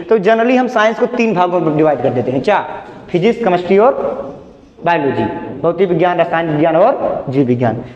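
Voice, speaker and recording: Male teacher, high pitch, classroom lecture with self-answered questions, long reverb in the room. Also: a little mellow. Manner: repetitive, asks questions and answers them himself. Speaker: chemistry teacher. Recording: echoey classroom, muffled sound.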